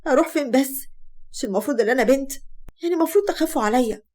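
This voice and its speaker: A woman's voice: fairly high pitch, expressive, fast, darkish tone. A woman with an Egyptian accent voicing a sly younger sister who fusses, whines and pleads. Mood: pleading. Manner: whiny, pleading.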